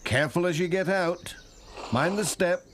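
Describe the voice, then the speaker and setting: A man's voice: sits high, normal speed, fairly bright tone, slight background noise, voice pushed up. A man voicing a kindly, cheerful, helpful village postman in a children's cartoon. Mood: considerate. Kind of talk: children's cartoon character acting.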